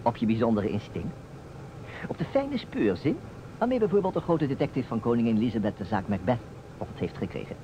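In an old Dutch radio play, a male actor with a medium-pitched, near-everyday voice plays a teasing, emphatic man who stages a detective puzzle, his pitch swinging widely at a slightly quick pace. The mood is playfully insistent. The recording sounds dull and noisy.

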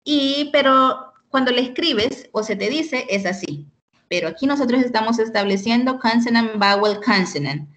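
A woman teaching an online English lesson, explaining slowly and patiently and often checking in with "ok?". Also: on the high side, fairly bright tone. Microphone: computer mic on a video call.

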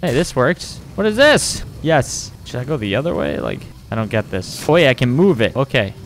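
An amused, jokey man hosting a gaming video, exclaiming and yelling excitably as he comments on the gameplay. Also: medium pitch, moderate pace, a little hiss or hum.

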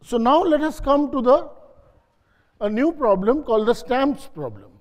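A man's voice: very high voice, lively intonation, moderate pace, darkish tone. A man giving a classroom lecture, repeating key phrases and quizzing his audience. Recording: long hall reverb.

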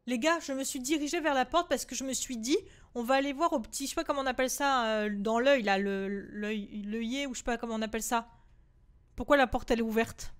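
With a clean, high-pitched tone, a young woman streamer delivers let's-play commentary on a horror game. She keeps up a chatty, swearing flow for her viewers, piling up quick repeated words and shrieking at jump scares.

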